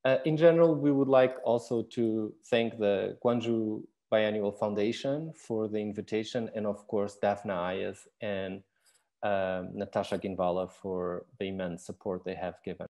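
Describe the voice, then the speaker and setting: In this recorded Q&A, a man from Portugal in his thirties, an architect and exhibition designer, talks in accented English with a mellow, lowish voice. He keeps a measured pace and fairly even intonation, describing his design work thoughtfully amid frequent fillers and restarts.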